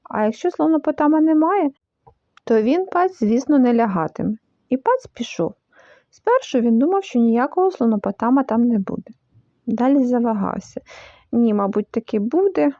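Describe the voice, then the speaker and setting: A woman reading a children's story aloud in an expressive, animated way. The recording is dull and lo-fi. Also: fairly high pitch, normal speed, no echo. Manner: lively, animated, full of voices.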